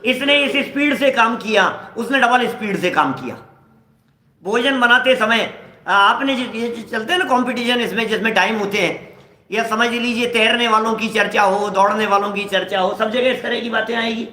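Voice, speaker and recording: Bright, high-voiced man teaching scripture. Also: moderate pace, roomy sound. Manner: conversational, explains with everyday examples, acts out quoted dialogue. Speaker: religious teacher. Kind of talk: scripture class lecture.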